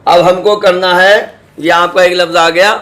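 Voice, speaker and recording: A man gives a Quran reading lesson in a bright, clear, somewhat high voice. He spells out letters and syllables slowly, stretches the vowels, and keeps asking whether the students understand. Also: level tone. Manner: patient, repeats syllables slowly and drawn out; checks in with "samjhe?" and "theek hai".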